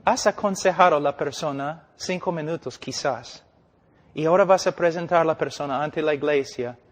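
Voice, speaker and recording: Male preacher, fairly high voice, emphatic sermon delivery that swings loud to hushed. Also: moderate pace. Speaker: pastor and missionary preacher. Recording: long reverb of a large hall.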